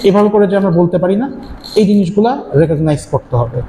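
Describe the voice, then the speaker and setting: Speaking quickly and expressively in a high, dark voice, this man lectures a university class in a mix of Bengali and English. He keeps tossing in tag questions to check on his students, and the hall echoes with faint background noise.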